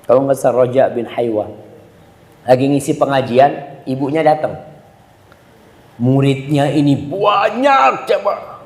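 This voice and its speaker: With fairly even intonation, a measured pace, and long pauses, an Islamic preacher tells stories in a sermon to his congregation, addressing them directly. He voices the characters with sudden pitch jumps, and the hall adds roomy reverb.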